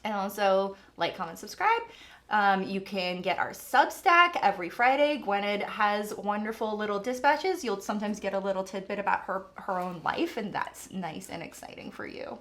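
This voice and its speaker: A woman's voice: mid-range voice, animated, moderate pace, fairly bright tone. A woman co-hosting a food taste test, chatty and playful as she wraps up the show. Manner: chatty, friendly, playful sign-offs. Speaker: co-host of a food review show. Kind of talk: casual taste-test chat.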